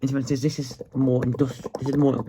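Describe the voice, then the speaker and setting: A man's voice: mid-range voice, flat delivery, quick pace, noisy background. Groggy man showing off a collection. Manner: chatty, restarts sentences often. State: groggy from just waking up. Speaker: hobbyist video host. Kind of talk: casual show-and-tell vlog.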